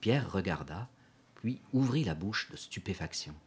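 A man narrating a storybook in a calm, steady way, with a husky voice. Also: deep voice, measured pace, slight background noise. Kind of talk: audiobook narration.

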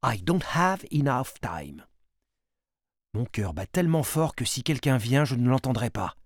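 A narrator with a French accent telling a story slowly and deliberately, with dramatic pauses. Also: medium pitch, sing-song, dry recording, studio quality.

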